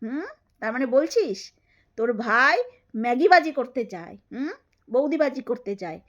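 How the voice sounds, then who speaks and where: Brief: woman, 30s, high voice, mocking and scolding, hammers each point twice. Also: lively intonation, moderate pace, muffled recording. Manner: taunting, scolding, repeats her jabs. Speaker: YouTube creator. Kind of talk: angry callout monologue to camera.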